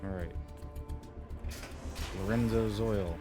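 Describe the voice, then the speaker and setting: A man with a notably deep voice gives casual, profane commentary while streaming a game. He talks bluntly at the characters as he plays. Faint music sits underneath his voice. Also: steady tone, slow pace.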